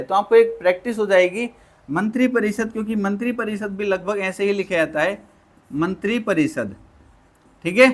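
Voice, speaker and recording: A man with a high voice runs an online Hindi spelling class for exam students. He goes through the words one by one, repeats each word, and calls his students children. He keeps putting a quick question to the class and answering it himself. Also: fairly bright tone. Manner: drills by asking and answering himself. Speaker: Hindi teacher for exam prep.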